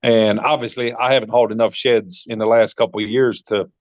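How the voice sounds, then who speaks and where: A man hosting a podcast in a chatty, casual way, with lots of ums and repeated words, his voice jumping up when he gets excited. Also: on the low side, a little fast, no echo, highs cut off. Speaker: podcast host. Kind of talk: casual interview chat.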